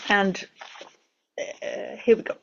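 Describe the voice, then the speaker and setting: Speaking slowly over lo-fi audio, a webinar host leads an online project session from a studio, stumbling through fillers and frequent restarts.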